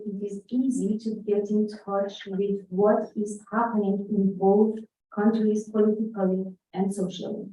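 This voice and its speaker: Young Iranian-accented woman, hesitant conference speaker, mellow tone, distant dull mic. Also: medium pitch, very echoey, slight background noise. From Iran. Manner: hesitant, many fillers and restarts. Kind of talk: conference presentation, partly read aloud. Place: conference room.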